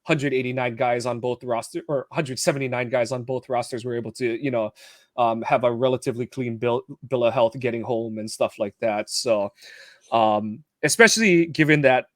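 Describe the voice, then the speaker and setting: A man's voice: medium pitch, moderate pace, no room sound. Laid-back man from Hawaii, dry sound. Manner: relaxed, laughs often, many fillers. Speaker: podcast co-host. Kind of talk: casual sports podcast chat.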